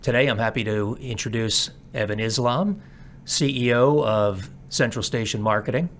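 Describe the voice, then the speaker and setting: A man's voice: mid-range voice, moderate pace, slight background noise. A man hosting an interview show, introducing a guest and prompting with short follow-up questions. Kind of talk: podcast interview.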